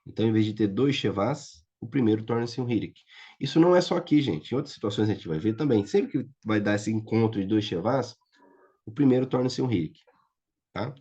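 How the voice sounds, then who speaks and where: A man's voice: lowish voice, animated, fairly quick, warm tone, husky. A man with a Brazilian Portuguese accent teaching a Biblical Hebrew class online, patiently checking that his students follow. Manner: patient, checks understanding often with "tá?" and "certo?". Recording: muffled lo-fi audio.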